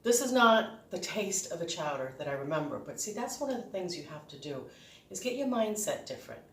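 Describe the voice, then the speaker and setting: A woman's voice: lowish voice, big pitch swings, brisk. Chatty Boston woman, echoey and distant. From Boston, United States. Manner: chatty, informal, rambling. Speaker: home cook and video host. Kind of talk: casual cooking vlog chat. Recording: echoey room, distant microphone.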